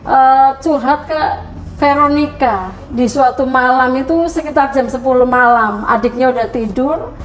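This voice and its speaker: High-voiced woman telling her emotional testimony. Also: a little slow, rough recording. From Central Java, Indonesia. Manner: tearful, pleading when recalling prayers. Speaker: interviewee telling her conversion story.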